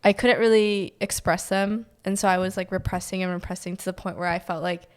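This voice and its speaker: A woman's voice: fairly low pitch, little pitch movement, fairly quick, darkish tone. Chatty young woman podcast guest. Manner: rambling, heavy use of "like". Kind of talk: casual chat.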